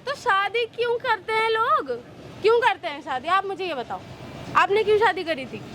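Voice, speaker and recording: Brazen young daughter-in-law, played by a woman, very high voice. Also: animated, normal speed, fairly bright tone, a little hiss or hum. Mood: defiant, mocking. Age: young adult. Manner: taunting, mocking, unashamed. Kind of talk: street social skit acting.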